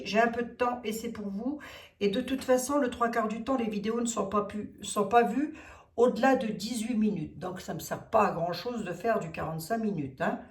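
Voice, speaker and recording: A woman's voice: medium pitch, distant mic. A woman with a Lorraine accent, a tarot reader talking casually to her viewers in a chatty, teasing way that laughs at herself. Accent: Lorraine French. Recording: roomy sound from away from the mic.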